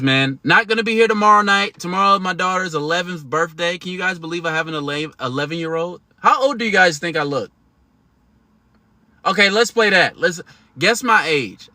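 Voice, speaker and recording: A man in his thirties talks straight to his livestream viewers in a loose, slangy, emphatic way. His voice sits a little high and has a bright edge. The sound is dry and close, with no room around it. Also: no room sound. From United States. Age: 30s. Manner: slangy, emphatic, chatty with laughs. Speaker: livestream host. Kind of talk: casual livestream talk to viewers.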